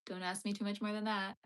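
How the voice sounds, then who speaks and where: In a mid-range voice with a sharp tone, a young woman crochets while live streaming from a phone held vertically. She reads her chat aloud and talks casually, laughing a lot and filling her speech with fillers.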